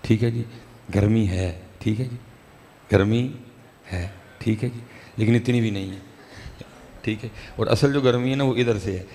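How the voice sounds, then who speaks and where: A man delivering a sermon at a religious gathering, moving between slow chanted recitation and casual, conversational explanation. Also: on the low side, dark tone. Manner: conversational, repeats "ٹھیک ہے جی". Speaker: religious speaker. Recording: echoey hall, faint background noise.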